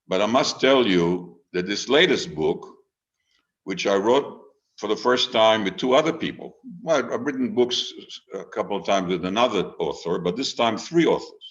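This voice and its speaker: A retired rabbi in his eighties, born in Haifa under British Mandate Palestine and living in Israel, speaks informally and deliberately to an online group, using storytelling pauses and repeated phrases. His voice is lowish and a bit bright, captured through a video call microphone with dull, lo-fi audio.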